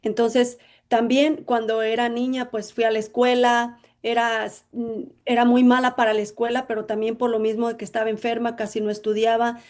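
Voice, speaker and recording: A middle-aged woman from Jalisco speaks with a Mexican accent as an interview guest. Her voice sits a little high, and she talks reflectively about her own life, often pausing on fillers like "bueno, pues". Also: flat delivery, darkish tone. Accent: Mexican Spanish. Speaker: interview guest, emotional intelligence coach. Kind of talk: personal life story in interview.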